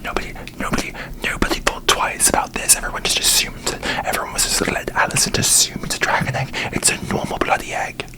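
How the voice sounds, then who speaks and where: Man whispering as prim queen Alicent Hightower. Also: fast, few pauses, natural voice, rough recording. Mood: indignant. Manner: formal, pompous, archaic wording. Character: prim, needy, aggrieved medieval queen, a woman. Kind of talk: whispered ASMR parody.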